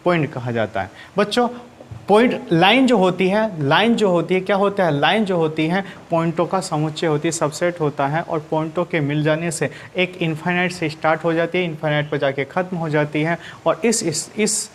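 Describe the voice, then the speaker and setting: Man teaching kids maths, hindi accent, keeps repeating himself, bit high voice, faint hiss behind. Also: normal speed. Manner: repeats himself, asks questions then answers them; often calls students "children". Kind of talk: classroom lesson to children.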